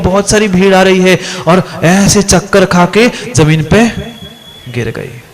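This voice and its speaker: A man, a Jain monk, preaching a sermon through a story and questioning his listeners. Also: fairly high pitch. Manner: animated, asks the listeners questions.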